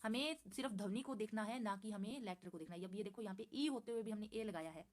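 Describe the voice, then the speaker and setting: A woman walks through a grammar lesson from slides. She repeats each point, answers her own questions and reads the English examples slowly and carefully. Her voice sits at an ordinary middle pitch. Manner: patient, repeats points and asks herself questions. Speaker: English teacher.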